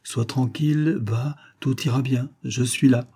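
A man voicing a brisk, commanding gentleman acting as a second in a duel, in an audiobook. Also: medium pitch, steady tone, breathy edge, voice pushed up.

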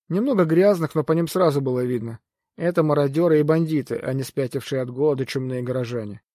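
Guy narrating an audiobook, mellow voice, bit higher pitched, dry close mic. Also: dry recording. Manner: steady, measured storytelling. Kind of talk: scripted first-person narration.

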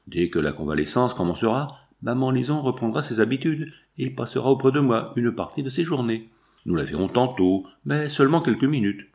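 Cheerful young seamstress read by a man, lively, a bit gravelly, audiobook. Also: medium pitch, a little fast, close to an everyday voice. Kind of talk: audiobook reading.

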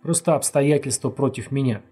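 A man voicing a hot-tempered young male wrestler who yells in rage, with a husky voice. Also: mid-range voice, fairly quick, lightly acted. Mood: grudging. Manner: yelling in rage.

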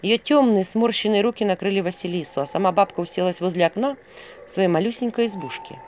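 A narrator reading a fairy tale audiobook in an expressive storytelling manner. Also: medium pitch, a little fast, slight background noise.

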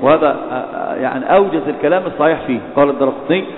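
A man delivers a religious lecture at a rapid clip, pausing often to correct himself. His voice sits a little high. It comes through a tinny, phone-like line with long hall reverb. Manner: frequent hesitations and self-corrections. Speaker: lecturer on hadith criticism.

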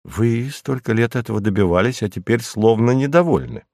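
A man's voice: medium pitch, moderate pace, creaky, darkish tone, dry recording, studio quality, natural voice. A man voicing a polite young lady hostess in an audiobook, his voice lifted a little. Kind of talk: audiobook character reading.

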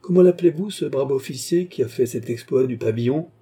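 A man's voice: medium pitch, fairly quick, dark tone, husky, pitched above the performer's own voice, lightly acted. A man reading an audiobook, voicing a royal prince who talks in a teasing, insinuating way. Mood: mocking. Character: mocking royal prince, middle-aged man. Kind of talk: audiobook character voice.

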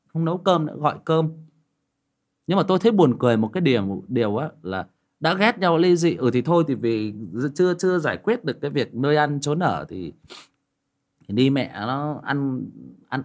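Animated man telling a story. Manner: lively, acts out quoted dialogue with pitch jumps. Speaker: storyteller giving relationship advice. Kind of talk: casual storytelling monologue.

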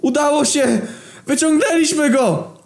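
A man voicing Death as a drunk, whiny horseman with a shrill, excitable voice. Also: measured pace, creaky, full character voice. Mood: excited.

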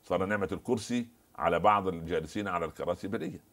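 A man's voice: deep voice, rapid-fire, a bit bright. A man as the scholar guest on a TV religious discussion, preaching and quoting scripture and stories.

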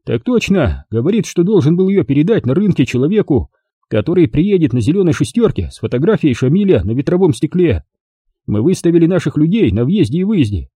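A man voicing a brutal, loud army brigade commander who talks harshly and threateningly in an audiobook. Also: fairly high pitch, big pitch swings, a little fast, breathy edge, no echo, clean studio sound, pitched above the performer's own voice. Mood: reporting. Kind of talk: audiobook character voice.

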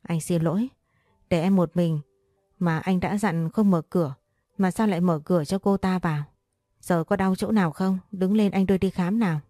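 A woman doing a calm, protective young man. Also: fairly low pitch, moderate pace, no echo, clean studio sound, natural voice. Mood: soothing. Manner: soothing, pleading.

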